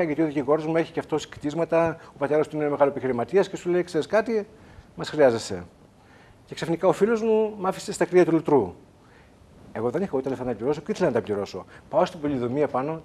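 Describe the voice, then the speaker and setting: A man's voice: on the high side, mellow. A man who is a guest on a TV talk show, telling his story with emphasis and acting out the other people's lines in quoted voices. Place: TV studio.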